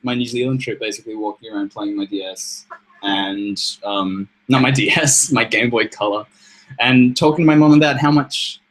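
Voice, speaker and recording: A young man co-hosting a casual gaming podcast, his voice sitting at an ordinary middle pitch. He rambles, cuts himself off mid-sentence and laughs a lot. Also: steady tone, normal speed, a bit bright, rough recording. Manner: rambling, self-interrupting, laughs often. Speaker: podcast co-host. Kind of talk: casual chat.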